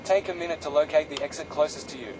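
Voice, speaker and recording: A man's voice: on the high side, noisy background. Formal man making cabin announcements. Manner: formal, measured announcer delivery. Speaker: flight attendant announcer.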